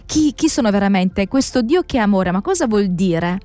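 A woman's voice: mid-range voice, expressive, moderate pace, mellow, dry recording. A woman interviewing a professor, prompting with engaged questions. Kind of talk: interview on religion.

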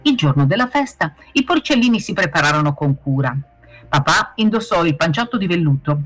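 A woman reading a children's fable aloud in a lively, expressive way. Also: fairly low pitch, a little fast, soft background music. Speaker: storyteller, author of the tale.

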